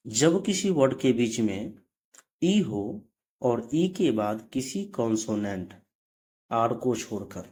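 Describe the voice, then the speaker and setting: A man's voice: medium pitch, expressive, slow pace, a little mellow. A man teaching English pronunciation, spelling words out letter by letter and then saying them, correcting himself now and then. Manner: corrects himself mid-lesson. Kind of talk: slow explanatory lesson.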